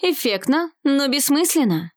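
A woman's voice: high voice, sing-song, measured pace, darkish tone, voice pushed up. A woman doing a cocky young male mage. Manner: cocky, teasing.

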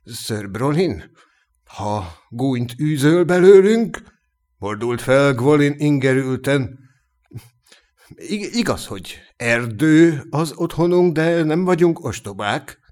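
A man's voice: on the high side, animated, close to an everyday voice. Man reading a proud, touchy elf. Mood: indignant. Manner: indignant, earnest. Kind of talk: audiobook character reading.

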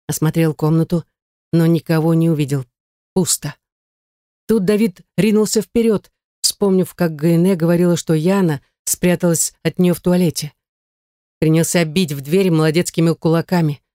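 An audiobook narrator reading a novel aloud in a steady, dramatic way. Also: medium pitch, normal speed, no echo, studio quality. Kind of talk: scripted narration.

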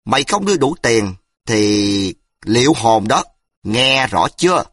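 A man's voice: on the low side, animated, normal speed, a bit bright, slightly rough, no room sound, clean studio sound, full character voice. A man voicing a menacing, brutal tough man who snarls threats.

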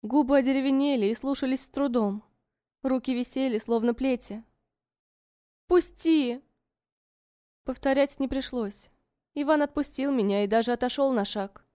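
A woman narrating a story in the first person, in a soft, measured and wistful way. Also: high voice, clean tone, dry recording, clean studio sound.

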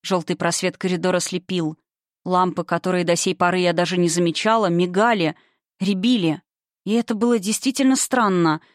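A woman's voice: on the low side, steady tone, brisk, no room sound. Female audiobook narrator, suspenseful first-person read, dry.

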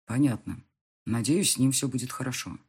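A woman voicing a cold, jealous husband in an audiobook, curt and stern, in a husky tone. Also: a bass voice, brisk, darkish tone, pitched below the performer's own voice, exaggerated voice. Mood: flat, distant.

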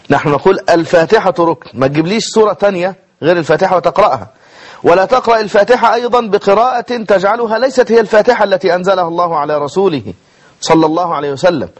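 A man teaching Islamic jurisprudence in a televised lesson, slowing down to model the correct pronunciation of letters. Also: high-pitched. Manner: explanatory, slows to model pronunciation.

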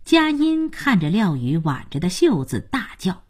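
A woman's voice: fairly low pitch, big pitch swings, a little slow, a little mellow, slightly rough, voice pushed down, full character voice. A woman voicing a hot-headed, protective younger sister who speaks in an indignant, exclamatory way.

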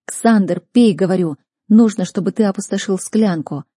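A woman's voice: medium pitch, moderate pace, mellow, slightly rough, no echo, clean studio sound, natural voice. A woman voicing an anxious but commanding young female healer student, urgent and raised in a storybook reading.

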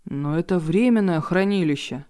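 A woman's voice: on the low side, normal speed, warm tone, smooth, lightly acted. A woman voicing a flustered male senior hotel administrator with a velvety, soothing voice. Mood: defensive. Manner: velvety, soothing voice turning uneasy.

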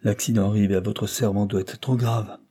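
A man reading the part of a smooth, insolent aristocratic captain in a storybook reading, in a suave, mocking manner. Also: fairly low pitch, fairly even intonation, brisk, warm tone, lightly acted.

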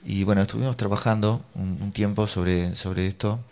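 Hesitant Uruguayan man telling a story. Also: lowish voice. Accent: Uruguayan Spanish. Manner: halting and hesitant, then lively and acted quotes. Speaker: storyteller reading his own story. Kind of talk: storytelling reading.

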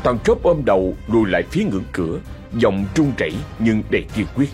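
A man narrating a scripted horror story in slow, ominous storytelling. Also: fairly low pitch, big pitch swings, darkish tone. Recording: narration over faint music.

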